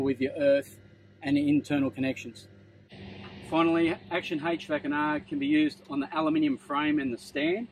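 A man's voice: fairly high pitch, rough recording. A man in his thirties with an Australian accent, giving a plain, practical product demonstration outdoors on a roof. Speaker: product presenter. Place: outdoors on a sunny metal roof.

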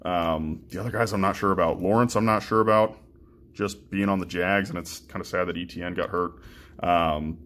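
Laid-back lowish-voiced man opening cards. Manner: relaxed, chatty, swears casually, frequent ums and restarts. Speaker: card-breaking channel host. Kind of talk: casual card-opening commentary.

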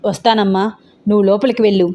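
A woman voices a young schoolgirl in an audio story, steady and solemn, her tone mellow and low-key. She speaks with a firm, grave calm. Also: quick pace, muffled recording, close to an everyday voice.

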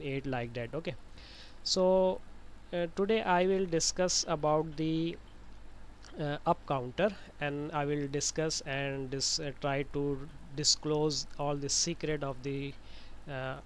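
Man, slightly raised pitch, informal tutorial delivery, hesitant step-by-step explaining, faintly noisy screen recording. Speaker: tutorial presenter.

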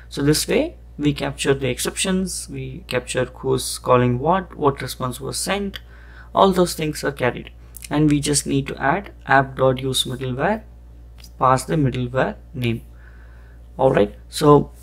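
A man walks through code in a screen-recorded programming lesson. His pitch sits in an ordinary middle range, and he explains step by step, thinking aloud and padding his sentences with "okay" and "that's it". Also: vocal fry. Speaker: coding tutorial host. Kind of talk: screen-recorded coding walkthrough.

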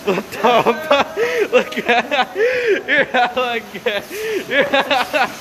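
A man's voice: very high voice, animated, takes it slowly. A young man in casual, teasing vlog chatter, filming his coworkers on a phone in a large warehouse and laughing often. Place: large warehouse floor, indoors. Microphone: handheld phone camera. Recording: noisy warehouse ambience.

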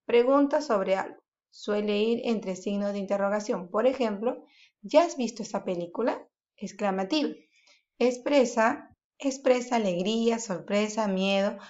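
A woman's voice: medium pitch, vocal fry, lo-fi sound. A woman teaching a recorded grammar lesson to primary school pupils, explaining patiently, repeating key points and checking that the children follow.

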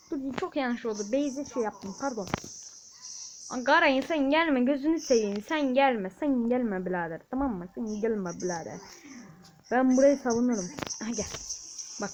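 High-pitched woman yelling game sound effects, gets frustrated a lot, noisy recording. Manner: excitable, frequent frustrated outbursts and shouted sound effects. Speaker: gaming channel host. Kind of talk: casual gameplay commentary.

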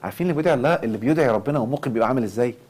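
A man with an Egyptian Arabic accent giving an impassioned self-development lecture, animated and quick to swing into mock outrage. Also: medium pitch.

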